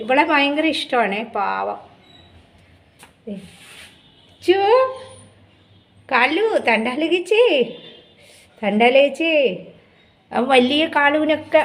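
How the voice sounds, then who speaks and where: A woman chatting casually to her viewers about her home chores, often cooing to her pet dog in a high sing-song voice. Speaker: vlogger. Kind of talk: casual home vlog chat.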